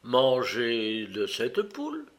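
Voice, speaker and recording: A man's voice: a little high, lively intonation, measured pace, bright, forceful tone. A man voicing an earnest Indian sage who speaks emphatically, with sudden exclamations.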